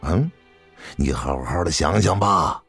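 A man doing a blunt friend who keeps pressing with pointed, challenging questions. His voice is deep and husky, and he takes his time. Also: animated, slow pace, fairly bright tone, soft background music, heavily acted. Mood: urging. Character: persuasive male friend, blunt and urging.

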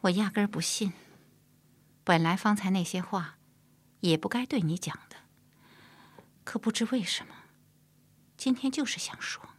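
A woman's voice: mid-range voice, lively intonation, normal speed, long pauses, husky. A woman voicing a proud, bitter young woman outlaw who pleads her case plaintively.

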